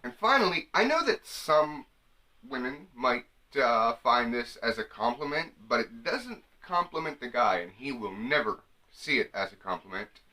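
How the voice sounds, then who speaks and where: A young man riffs through a comedy advice monologue. His voice is bright and lively, and his pitch jumps all over as he jokes. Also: moderate pace. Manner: animated, jokey, slips into mock women's voices. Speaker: comedy vlogger. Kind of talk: comic advice monologue to camera.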